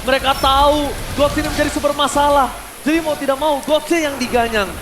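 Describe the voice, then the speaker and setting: A man with an Indonesian accent doing excited esports play-by-play, shouting and stretching key words like a hyped caster. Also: very high voice, brisk. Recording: loud background noise over broadcast commentary.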